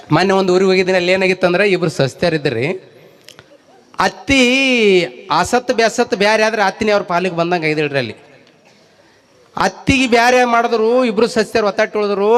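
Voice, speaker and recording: A man with a North Karnataka Kannada accent doing folk stand-up comedy, telling lively rhyming anecdotes to his audience. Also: sits high. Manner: lively storytelling, rhyming wordplay, jumps into quoted voices; talks straight to a laughing audience. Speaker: stage comedian.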